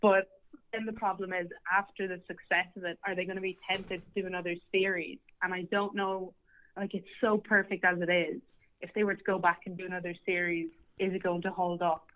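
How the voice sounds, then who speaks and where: A woman's voice: fairly low pitch, level tone, fairly quick. A young woman, a podcast guest and entertainment writer, chatting casually with plenty of fillers and laughs. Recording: slightly dull lo-fi audio.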